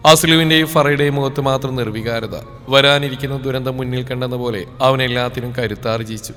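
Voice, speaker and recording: Male narrator, calm storytelling, reverberant room, soft music underneath. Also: mid-range voice, brisk. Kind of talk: scripted novel narration.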